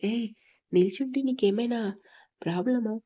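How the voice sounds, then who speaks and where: A curt, threatening young rowdy with a quick temper, as a woman storyteller reads him. The voice sits a little high, with a dark, husky tone. He speaks like a character in an audio storybook. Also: natural voice. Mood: gruff. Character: blunt hot-tempered young male rowdy.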